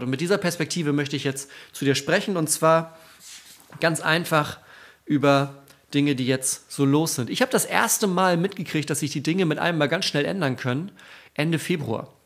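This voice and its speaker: Male pastor, sermon delivery, earnest and encouraging, a bit higher-pitched than most men. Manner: earnest, encouraging, speaks directly to the listener.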